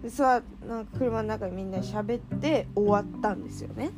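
A woman's voice: medium pitch, fairly quick. A woman chatting casually as she tells a story, acting out quoted lines and laughing often. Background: background music.

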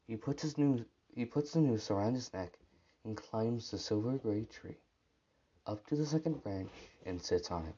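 A man reads a dark story aloud in a low, mellow voice. His tone is husky, and he makes small slips and restarts as he goes. The recording sounds dull and lo-fi. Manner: plain, unhurried reading with small slips and restarts.

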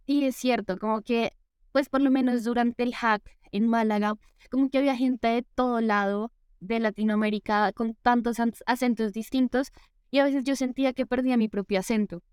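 A young Colombian woman with a Colombian accent, chatting thoughtfully as a podcast guest and filling pauses with "como que". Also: on the high side, fairly even intonation, a little mellow, clear, resonant tone, no room sound, clean studio sound. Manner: reflective, heavy on "como que" fillers. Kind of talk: casual podcast conversation.

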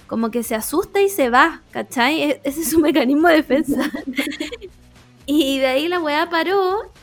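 A woman's voice: sits high, unhurried, faint music behind. A young woman with a Chilean accent, co-hosting a casual chat and telling a story with lots of slang and laughter. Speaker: podcast co-host. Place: home room.

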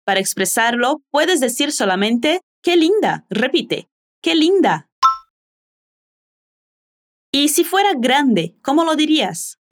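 A woman hosting a language lesson, slowly and carefully modeling phrases for listeners to repeat. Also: high-pitched. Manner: slow, careful modeling of pronunciation. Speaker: language teacher and host. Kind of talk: language lesson with repetition drills.

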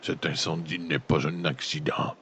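A man voicing a solemn male ship captain in a gamebook reading, speaking slowly and gravely. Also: very deep voice, fairly even intonation, fairly bright tone, slight background noise, voice pushed down. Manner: slow, solemn delivery.

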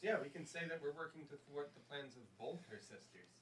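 A man's voice: a little high, expressive, brisk, a bit bright. A man taking part in a casual tabletop role-playing game.

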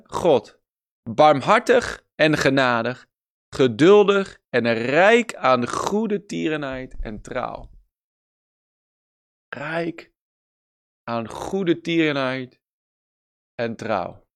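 Male preacher, emphatic sermon delivery, repeats and slows key lines, mid-range voice. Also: medium pitch.

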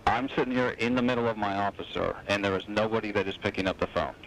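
A man's voice: lowish voice, steady tone, quick pace, background noise. A man on a phone call as a company representative, stiff and dismissive.

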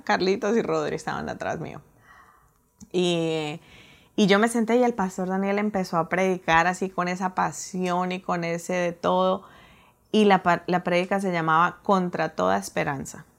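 A woman telling a personal story in a casual, animated way, acting out her own reactions. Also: lowish voice, vocal fry. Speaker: guest telling her testimony.

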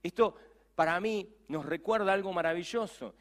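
A man's voice: high-pitched, moderate pace. A middle-aged man with a Rioplatense Spanish accent, a youth pastor preaching a sermon with emphatic, conversational asides.

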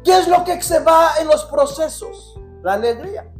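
A woman preaching a sermon. She reads scripture aloud, asks her listeners questions and grows emphatic, at times rising to a shout. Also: very high voice, animated, normal speed, soft background music.

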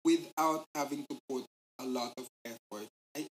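A woman's voice: rumbling low, normal speed. A woman with a Filipino accent chatting casually and hesitantly, repeating words and mixing in Tagalog. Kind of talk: casual chat.

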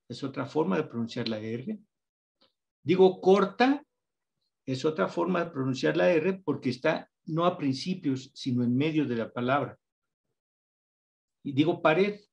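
A man with a Mexican accent, explaining things patiently as an interview guest, spelling out examples slowly in a teacherly way. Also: on the high side, vocal fry. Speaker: guest researcher on reading instruction.

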